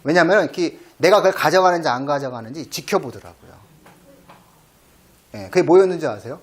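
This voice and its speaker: A man's voice: a little high, brisk. A middle-aged man hosting an education channel, talking casually and acting out his own lines with gusto. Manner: lively storyteller, acts out his own lines to cats. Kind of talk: casual explanatory talk.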